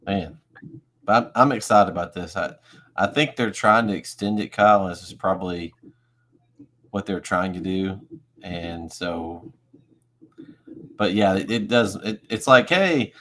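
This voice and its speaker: A man with a somewhat low voice hosts a casual review chat. He is easygoing, leading into each topic and making his points with homespun analogies. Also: unhurried, pauses often, a bit bright, slight background noise. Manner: easygoing, uses homespun analogies, laughs along. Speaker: podcast host.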